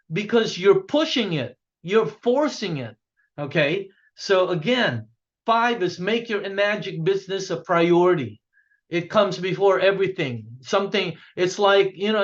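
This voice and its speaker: High-pitched guy pumping up his sales team, keeps saying okay?, kinda dull lo-fi sound. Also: a bit bright. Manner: punchy, repetitive, asks "okay?" a lot. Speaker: business coach. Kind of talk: motivational talk to a sales team.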